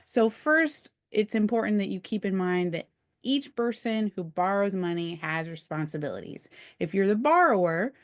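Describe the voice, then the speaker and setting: A woman's voice: medium pitch, expressive, normal speed. A woman presenting an online webinar over a computer mic, explaining steadily with the odd filler.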